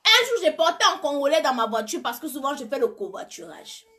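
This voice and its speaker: A woman's voice: high-pitched, sing-song, fairly quick, bright, forceful tone. A woman, chatting to her viewers in a gossipy, playful way and telling stories with mimicry. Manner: gossipy, playful, repeats words and mimics others. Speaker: live streamer commenting on news. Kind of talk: animated storytelling chat.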